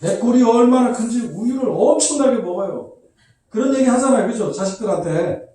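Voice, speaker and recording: A man's voice: very high voice, lively intonation, brisk, warm tone. A man preaching a sermon as pastor, often asking the congregation questions and acting out the people in the story. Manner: acts out quoted voices, asks the congregation questions. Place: church hall. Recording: very echoey hall, voice from far off.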